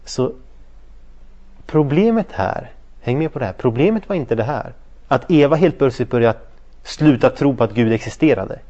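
A man's voice: mid-range voice, long pauses, highs cut off. A man teaching a Bible study, telling stories with acted-out voices and often checking that his listeners follow along. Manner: animated storytelling, acts out quoted voices, checks in with listeners often. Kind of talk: interactive Bible study lesson.

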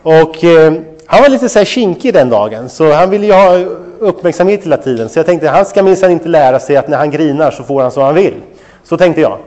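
Animated Swedish preacher man. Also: fairly high pitch, dull audio. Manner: animated storytelling, addresses listeners directly. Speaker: pastor. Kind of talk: sermon on parenting.

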